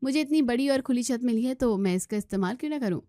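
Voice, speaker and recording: A woman's voice: on the high side, expressive, fast, warm tone, no room sound, studio quality, pitched above the performer's own voice, close to an everyday voice. A woman voicing a stubborn young daughter-in-law who answers back defensively and pleads.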